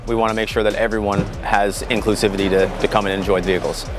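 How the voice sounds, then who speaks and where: A man's voice: lowish voice, little pitch movement, quick pace, music in the background. A man speaking earnestly about welcoming everyone into the car community, in an interview.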